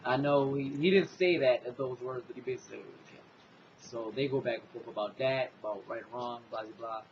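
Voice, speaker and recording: A man's voice: mid-range voice, brisk, a little hiss or hum. Rambling man reviewing comics, muffled audio. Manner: rambling retelling with many fillers and "basically". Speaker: host and comic book reviewer. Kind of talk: casual comic book review.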